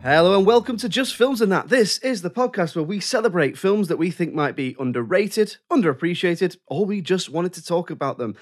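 A man's voice: sits high, expressive, a little fast, hardly any pauses. A man, hosting a film podcast in casual chat and laughing often. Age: 30s. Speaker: podcast host.

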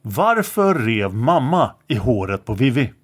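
A man reading aloud the questions of a male investigator who is questioning a child, in a plain, measured way. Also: mid-range voice, sing-song. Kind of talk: reading an interrogation transcript aloud.

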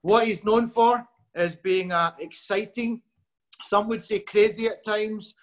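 High-voiced man hosting a chat. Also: steady tone, a bit bright. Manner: friendly, filler-heavy, halting. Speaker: host. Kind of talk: casual interview.

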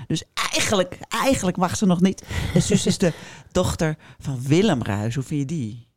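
A woman in her fifties hosting a podcast, a chatty and lively interviewer in casual conversation. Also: lowish voice, normal speed, background noise. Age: 50s. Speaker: podcast host. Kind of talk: casual chat.

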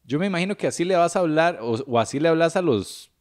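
A man's voice: on the high side, animated, fast. A man with a Costa Rican accent co-hosting a podcast, trading teasing banter. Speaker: podcast co-host. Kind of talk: casual podcast chat.

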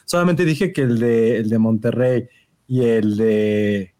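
A man's voice: medium pitch, slow. A man co-hosting a casual film podcast, joking and riffing on regional accents. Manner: joking, animated, plays with accents. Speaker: co-host.

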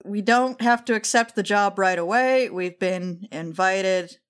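A woman narrating a tabletop game as game master, unhurried and hesitant, with frequent fillers. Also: medium pitch, smooth.

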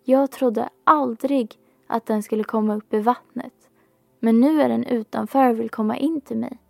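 A woman's voice: fairly high pitch, steady tone, creaky, dark tone, no room sound, soft background music. A woman voicing a spoiled young princess who complains to her father. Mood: fretful. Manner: complaining, fretful.

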